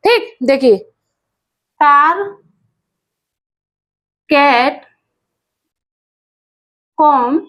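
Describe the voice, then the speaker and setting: Slow, patient woman with a high voice. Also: expressive. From India. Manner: slow, patient, repeats words and spells them letter by letter. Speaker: teacher. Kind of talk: English pronunciation lesson.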